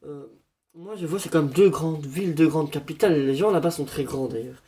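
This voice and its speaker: A man's voice: a little high, fairly quick, mellow. A man doing a parody horoscope reading, rambling in a mock-solemn fortune-teller manner. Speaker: comedian.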